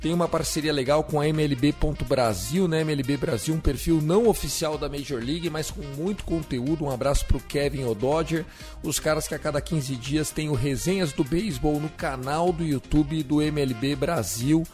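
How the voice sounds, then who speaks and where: A man's voice: a little high, normal speed, a little mellow, soft background music. A man with a Brazilian accent hosting a sports podcast in a casual presenting style. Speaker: podcast host.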